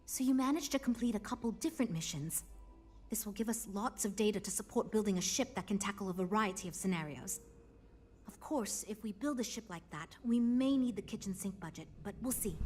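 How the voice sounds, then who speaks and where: An actress voicing a weary but earnest starship designer in a video game, speaking in a dry, wry, patient way. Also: female voice, medium pitch, darkish tone, lightly acted. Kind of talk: video game character dialogue.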